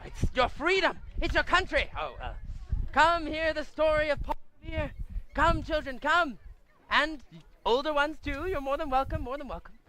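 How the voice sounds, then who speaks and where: A man voicing a jolly storyteller who gathers children in a cartoon, animated and sing-song. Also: extremely high pitch, moderate pace, full character voice. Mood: lively.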